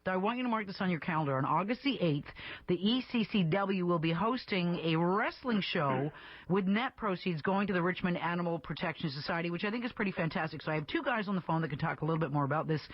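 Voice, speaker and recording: Talk radio host, quick chatty delivery, dry, slightly dull audio. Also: medium pitch, expressive, no room sound. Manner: jokey, chatty. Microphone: studio mic.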